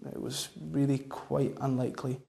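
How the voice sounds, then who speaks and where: A man gives measured interview answers. His voice is gravelly and fairly even in pitch, and he phrases things in a halting, deliberate way. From Scottish Highlands. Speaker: vox pop interviewee.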